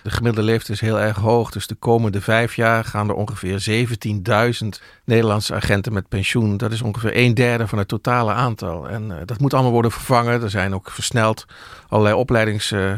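Gravelly low-voiced man, hesitant explaining. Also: fairly even intonation, a little fast, few pauses, dry recording, studio quality. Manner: thoughtful, many hesitations and restarts. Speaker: journalist guest. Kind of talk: conversational explanation.

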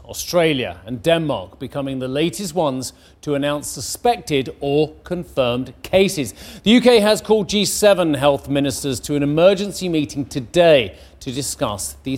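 A man presenting broadcast news, brisk and assured, with occasional conversational asides. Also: on the high side.

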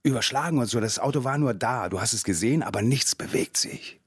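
A man's voice: fast, slightly rough, dry recording, studio quality. A man in casual conversation, telling an adventure story with lots of energy, acting out voices and dropping in Spanish words. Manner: animated storyteller, jumps pitch and acts out voices. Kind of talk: casual chat.

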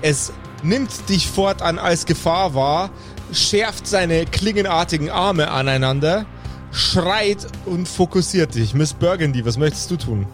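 A male game master with a high voice improvises a fantasy adventure, narrating descriptively and dramatically. His intonation is lively and his pace unhurried, with music playing in the background.

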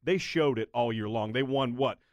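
A male radio panelist talks casually about sport in a medium-pitched voice. The sound is dry and close. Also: normal speed, no room sound.

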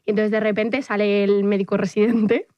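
A young woman, co-hosting a casual podcast and telling a story with animated acted-out quotes. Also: a little fast, dry recording, muffled recording. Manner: animated storyteller, acts out her own quotes in high squeals. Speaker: podcast co-host. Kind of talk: casual chat.

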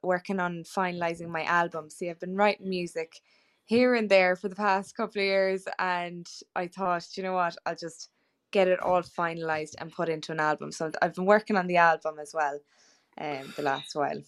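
A young woman from the west of Ireland speaks with that region's accent. Her voice sits a little low for a woman and is smooth and clean. She talks casually and playfully, like a chatty guest on a podcast. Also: steady tone, moderate pace. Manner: chatty, jokey. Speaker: guest musician.

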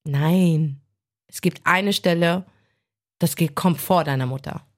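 A woman's voice: fairly low pitch, slow pace. A woman co-hosting a casual chat, teasing and playing offended in sweary youth slang with Arabic interjections. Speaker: podcast co-host.

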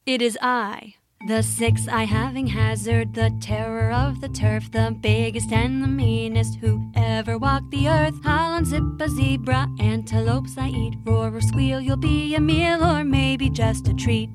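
A woman voicing a boastful monster in a cave, chanting slow rhyming threats. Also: on the high side, steady tone, over loud music.

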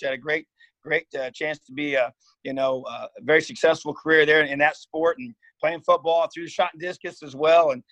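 This guest, a head football coach from Indiana in his fifties, talks through his life story in a casual interview. His fairly high, fairly bright voice comes through a dry, muffled recording, and his earnest telling rambles with frequent restarts and "you know."

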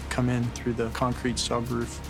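A man's voice: medium pitch, monotone, moderate pace, creaky. A man in military service explaining and recalling events in a documentary interview. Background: music.

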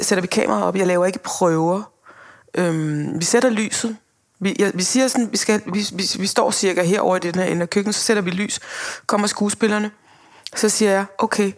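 A woman director talking casually on a podcast, animated, acting out quotes and laughing as she talks. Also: mid-range voice. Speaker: film director, guest.

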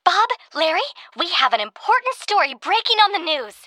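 A woman's voice: very high-pitched, sing-song, moderate pace, pushed and bright, dry recording, studio quality, full character voice. A woman voicing a cheerful female rhubarb who screens callers for the show, chirpy and upbeat. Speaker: call screener.

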